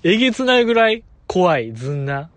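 A young man with a Kansai accent talks alone as a chat host, rambling with a fan's eagerness. His voice sits fairly high and swings widely up and down. The talk is loose and unscripted. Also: big pitch swings, a little fast, a bit bright, no room sound. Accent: Kansai Japanese. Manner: rambling, enthusiastic fan commentary. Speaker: podcast host. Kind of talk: casual solo chat.

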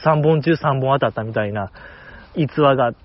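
A man's voice: mid-range voice, brisk, no room sound, lo-fi sound. A man with a Kansai accent hosting a solo fan podcast, chatting enthusiastically and poking fun at himself. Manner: enthusiastic, chatty, self-mocking. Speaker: podcast host.

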